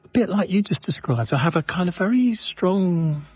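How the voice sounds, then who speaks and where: Husky, hesitant clergyman on radio. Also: high-pitched, expressive, moderate pace, no echo, faint music behind. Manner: gentle, hesitant, with many fillers and restarts. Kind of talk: casual radio chat. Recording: narrow phone-like radio sound.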